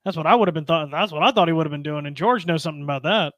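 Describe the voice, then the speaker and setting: Man, fast and slightly high, teasing podcast co-host, dry sound. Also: fairly bright tone, dry recording, muffled recording. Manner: teasing, quick banter. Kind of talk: casual sports podcast chat.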